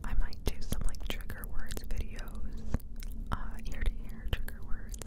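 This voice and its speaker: A woman whispering softly and close into a binaural mic, moving from ear to ear in a rambling, hesitant, self-deprecating ASMR chat. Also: measured pace. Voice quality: soft unvoiced whisper. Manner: whispers close, shifting from one ear to the other. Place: indoors on a couch. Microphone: close binaural microphone.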